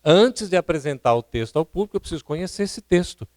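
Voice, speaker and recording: A man's voice: on the high side, expressive, fast, darkish tone, no echo. Didactic Brazilian man lecturing. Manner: didactic, asks the audience questions. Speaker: seminar speaker. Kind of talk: lecture on public speaking. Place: seminar hall at a spiritist centre.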